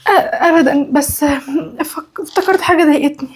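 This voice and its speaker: A woman playing a gentle, tearful young Egyptian wife. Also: sits high, brisk, lightly acted. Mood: hurt. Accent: Egyptian Arabic. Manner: soft, subdued, tearful.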